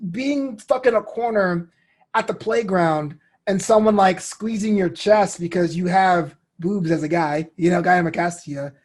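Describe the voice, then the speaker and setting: A man in his thirties from Brooklyn, United States, with a high, slightly rough voice and an American accent, talks candidly as an interview guest. He's a comedian and host who tells stories with animation, acting out the things he said in his head.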